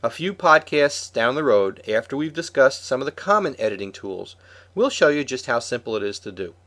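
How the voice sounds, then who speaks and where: Lively scripted male podcast co-host. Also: medium pitch, brisk. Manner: explanatory, reads a prepared script.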